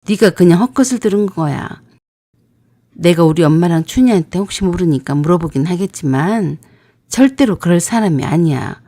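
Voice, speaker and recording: A woman voicing a defensive young man who brushes off his fiancée, speaking lower and slower in a dry recording. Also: mellow, no echo. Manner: lower, slower, irritated insistence.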